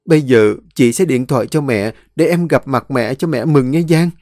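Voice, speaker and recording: A man voicing a caring elder sister who speaks in a gentle, coaxing way. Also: mid-range voice, normal speed, no echo, clean studio sound, natural voice. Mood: excited.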